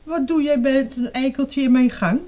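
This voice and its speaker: A woman's voice: high voice, fairly even intonation, normal speed, dark tone, pitched above the performer's own voice, close to an everyday voice. A woman reading aloud and voicing a small, kind male mole in a children's picture book. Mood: cheerful.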